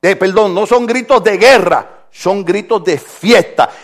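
A man voicing an old, wise prophet who speaks calmly and quietly to a younger general. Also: sits high. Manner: hushed, slow, calm.

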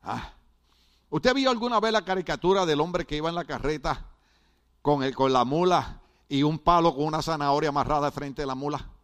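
Male pastor, middle-aged, lively sermon, fairly high voice, quizzes the congregation. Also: normal speed. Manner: animated preaching, acts out quotes and dialogues; asks the congregation questions, call and response.

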